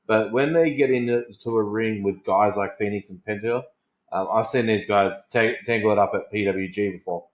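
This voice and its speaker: A man's voice: lowish voice, moderate pace. A man talking casually and enthusiastically as an informal fan on a wrestling podcast. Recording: roomy, echoing voice recording.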